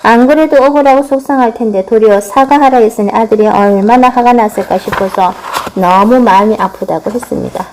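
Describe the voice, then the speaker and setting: A middle-aged woman giving a scripted talk on parenting, gently acting out the dialogue she quotes. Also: medium pitch, low-quality recording. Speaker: parenting lecturer.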